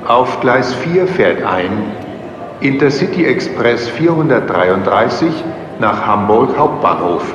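Man on a station loudspeaker, echoey. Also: medium pitch. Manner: formal and measured. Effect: station loudspeaker announcement. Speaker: station announcer. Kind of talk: scripted public-address announcement. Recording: echoey hall, dull lo-fi sound, steady background noise.

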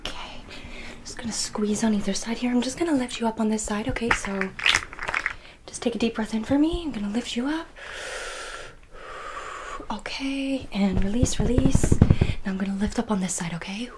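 A young adult woman in an ASMR role-play as a massage therapist, giving fast, repetitive ASMR patter and short instructions. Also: on the high side, heavy background noise. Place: bedroom, indoors.

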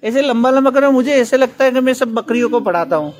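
A man's voice: very high voice, animated, quick pace. A man with a Gujarati accent teaching young children to write letters, patient and playfully teasing them, in a classroom. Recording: noisy classroom full of children.

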